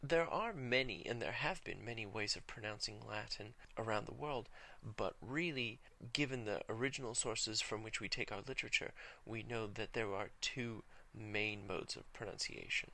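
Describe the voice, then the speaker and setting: A man giving a video lesson on Latin, speaking in a measured, careful way and slowing down to spell out Latin words. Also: fairly low pitch, vocal fry, bright, forceful tone. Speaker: Latin teacher.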